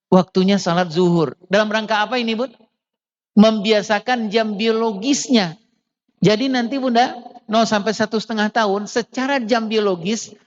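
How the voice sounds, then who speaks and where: Chatty man lecturing mothers, dull recording. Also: extremely high pitch. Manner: chatty, keeps addressing mothers with tag phrases; softens into gentle acted quotes to children. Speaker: parenting speaker at a religious study talk. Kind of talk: conversational religious parenting lecture.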